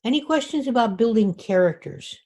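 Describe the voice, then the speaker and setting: A woman's voice: a little high, sing-song, brisk, a little mellow. A woman author giving an informal talk to a writers group, speaking conversationally with frequent restarts. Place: meeting room.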